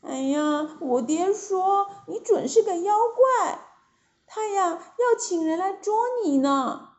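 A woman's voice: very high-pitched, lively intonation, slow pace, voice pushed up, exaggerated voice. A woman voicing a monkey king disguised as a young girl, speaking in a sighing, plaintive way. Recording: echoey, dull lo-fi recording.

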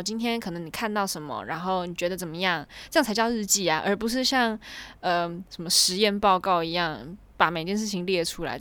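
A woman's voice: mid-range voice, fairly bright tone, dry recording. A young woman, telling a casual story to camera and chaining her thoughts with constant "and then"s. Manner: rambling, chains clauses with "and then".

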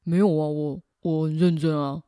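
A woman voicing a shy, soft-spoken teenage boy classmate who mumbles very quietly. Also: low voice, steady tone, moderate pace, clean tone, dry recording, clean studio sound, pitched below the performer's own voice, close to an everyday voice. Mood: earnest.

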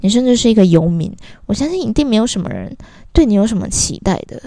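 A woman's voice: mid-range voice, animated, fast, creaky, mellow, no echo. A woman with a Taiwanese Mandarin accent hosting a podcast, venting in a casual rant and slipping into voices to quote people. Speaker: podcast host. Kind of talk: casual ranting monologue.

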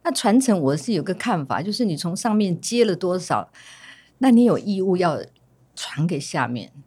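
A woman's voice: fairly low pitch, very animated, normal speed, a little mellow, slightly rough. A woman from Taiwan, a teacher guest on a panel, talking casually and reflectively, with the odd joke and stammered restart.

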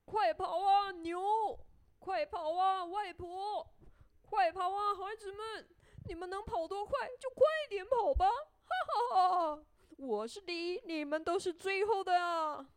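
A cocky little gingerbread man who taunts his chasers in a bouncing sing-song that a woman puts on. His voice is pitched high and sounds dry and close, like a storybook reading. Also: lively intonation, slow, smooth, no room sound. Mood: taunting gleeful. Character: cheeky boastful little male gingerbread cookie.

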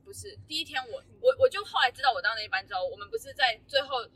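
High, lively woman telling a story through tears. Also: very fast, breathy edge, recorded from a distance, low-quality recording. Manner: tearful, stammering storytelling. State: crying at times. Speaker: podcast host. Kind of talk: casual chat among old friends.

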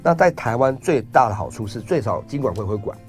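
A man with a Taiwanese Mandarin accent, a guest explaining investing in a radio interview, talking rapidly with many fillers. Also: medium pitch, lively intonation, soft background music.

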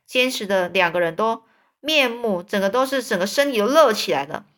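A woman's voice: medium pitch, expressive, a little fast, a bit bright. A woman retelling a children's story in a loose, casual way, with fillers and repeats.

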